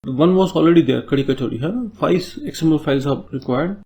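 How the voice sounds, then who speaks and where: A man's voice: a little high, expressive, fairly quick, a little mellow. A man with an Indian English accent teaching a coding tutorial, explaining step by step and checking in with tag questions. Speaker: programming tutor. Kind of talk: screen-recorded coding tutorial.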